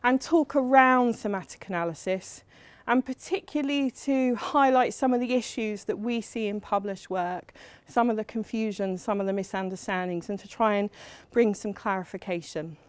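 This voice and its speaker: A woman's voice: medium pitch, normal speed, few pauses, dry recording. A middle-aged woman from England giving a university lecture in a chatty, self-deprecating way with frequent ums. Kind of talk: academic lecture.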